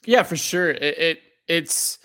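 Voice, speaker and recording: A man speaking as a guest on a casual podcast, earnest and halting, with many restarts and repeated words. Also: on the high side, fairly bright tone, clear, resonant tone. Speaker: podcast guest, fan media creator.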